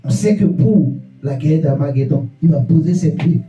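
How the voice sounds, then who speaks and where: A man preaching a fervent sermon to a congregation, repeating rhetorical questions and bursting into shouts. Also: fairly high pitch, moderate pace, muffled recording. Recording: echoey church room, distant mic, faint guitar.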